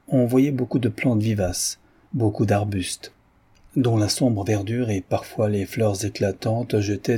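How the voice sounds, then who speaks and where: A man reading a classic novel aloud as audiobook narration, in a measured, descriptive manner. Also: lowish voice, mellow, husky. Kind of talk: scripted narration.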